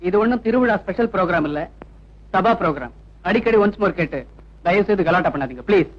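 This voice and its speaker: A cocky young singer-brawler. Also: male voice, high voice, animated, quick pace. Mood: commanding. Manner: cool, teasing confidence. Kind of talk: 1990s film acting. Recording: dull film soundtrack with faint noise.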